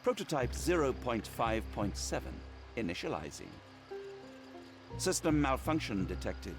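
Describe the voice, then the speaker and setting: An actor voicing a prim, polite male archaeology robot with a British accent, booting up and reciting its system messages in a gravelly, stiffly formal voice. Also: mid-range voice, very animated, unhurried. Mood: mechanical. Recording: distant game audio with clear music behind.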